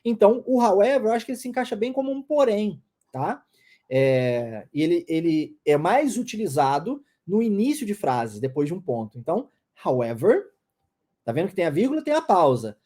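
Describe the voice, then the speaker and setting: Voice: mid-range voice, very animated, moderate pace, dark tone. An English teacher, explaining step by step in an online pronunciation lesson and modeling phrases for listeners to repeat.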